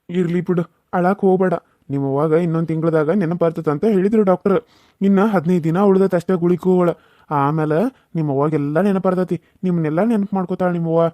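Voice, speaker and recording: A man's voice: high-pitched, dark tone, dry recording, close to an everyday voice. A man voicing a stern but comforting village uncle with a North Karnataka Kannada accent. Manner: fast, firm reassurance.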